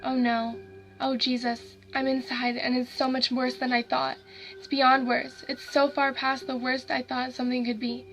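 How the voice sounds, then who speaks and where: A woman voicing a dead young boy who talks in a hushed voice, bitter and growling with hatred. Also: high voice, level tone, normal speed, faint music behind, low-quality recording. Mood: terrified.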